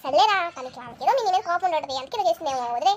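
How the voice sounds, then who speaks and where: A voice actor playing a gentle mother consoling her son. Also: extremely high pitch, animated, racing, pitched below the performer's own voice. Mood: soothing. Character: middle-aged gentle mother, soothing.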